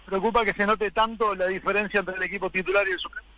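A man's voice: high voice, fairly even intonation, fast talker, bright, forceful tone, low-quality recording. A Uruguayan man working as a radio reporter, doing live post-match interviews.

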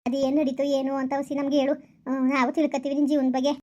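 A woman's voice: high-pitched, completely flat delivery, racing, darkish tone, voice pushed down, natural voice. A woman playing a nosy middle-aged village woman who keeps prying with questions. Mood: coaxing. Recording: dull lo-fi recording.

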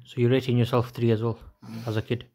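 A young man, joking around in a casual food-review chat while chewing a fry. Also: mid-range voice, level tone, fast, dark tone. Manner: joking, slangy banter.

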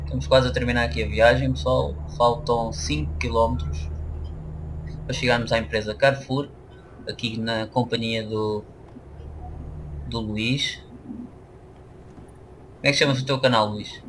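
A man's voice: mid-range voice, steady tone, moderate pace, long pauses. A man with a European Portuguese accent, casually commentating a truck driving game for viewers. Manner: chatty, addresses viewers directly. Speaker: gaming channel host. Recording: noisy game audio behind voice.

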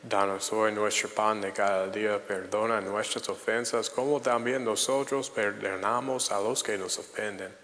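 A young adult priest reciting liturgical prayer responses in a measured, formulaic way, echoing as in a cathedral. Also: male voice, lowish voice, steady tone, a bit bright. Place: large church interior, seated by the altar. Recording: long echoing reverb of a church.

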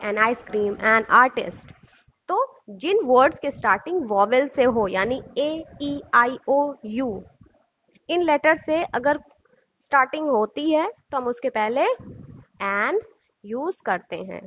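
A woman's voice: sits high, fairly bright tone, lo-fi sound. A woman teacher giving a classroom grammar lesson. She asks questions, answers them herself, and spells words out letter by letter. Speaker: school teacher.

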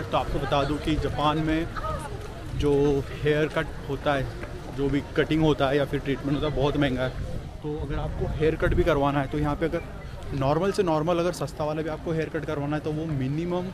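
A young man casually chatting to viewers while walking, filming himself with a handheld action camera outdoors. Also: fairly high pitch. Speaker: vlogger. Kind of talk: casual walking travel vlog. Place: busy city streets at night and train platform, outdoors. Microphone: handheld action camera at arm's length. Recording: street noise behind. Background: city street and station noise.

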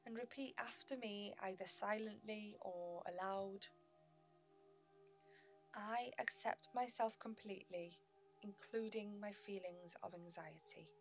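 A woman narrating a guided meditation in a gentle, soothing sleep-story manner, with measured pauses. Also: mid-range voice, faint music behind.

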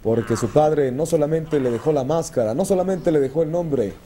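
Male Mexican lucha libre announcer, solemn descriptive play-by-play, mellow tone, slight broadcast noise. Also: on the high side, fairly quick. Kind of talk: wrestling play-by-play commentary.

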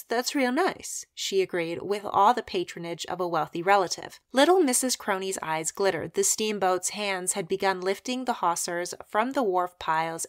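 A woman reading a short story aloud as an audiobook narrator, in a steady, even way. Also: on the low side, no echo. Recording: dry close studio sound.

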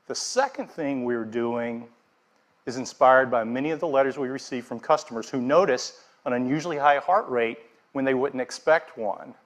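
Man, middle-aged, keynote presenter, steady scripted delivery, large theater stage, headset mic. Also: medium pitch, normal speed. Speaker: product presenter.

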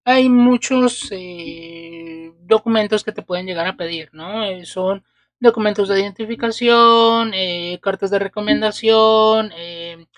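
A woman lays out tarot cards and reads them for the viewer at an unhurried pace. She fills gaps with soft "eh"s and checks in with a little "ok?". Her voice sits at a middle pitch and sounds dry and close, with little room around it. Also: dry recording. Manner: unhurried, many filler "eh"s and checking "¿ok?". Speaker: tarot reader. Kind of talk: tarot reading to camera. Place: indoors at a table.

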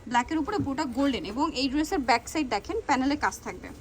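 A woman hosts a shopping tour in a busy mall clothing shop, with a high voice and a pace that barely stops for breath. She shows each dress and says its price again and again. The noisy shop is clearly heard behind her. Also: expressive, racing. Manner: rattles off prices and repeats them. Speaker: shopping video host. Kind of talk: fast product showcase.

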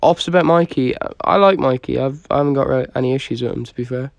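A young man with a Dublin accent and a creaky, mid-range voice talks fast on a livestream, casually answering comments with plenty of slang. Recorded on a phone close to his face, the audio is dry and dull.

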